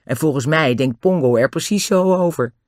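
A man voicing a calm, brave boy on a holiday adventure, speaking steadily. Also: a little high, moderate pace, dry recording, clean studio sound, pitched above the performer's own voice, lightly acted. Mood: steady.

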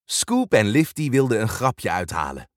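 A man reading a children's storybook aloud, expressive and animated. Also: fairly low pitch, normal speed, no room sound, studio quality. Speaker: narrator. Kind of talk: storybook narration.

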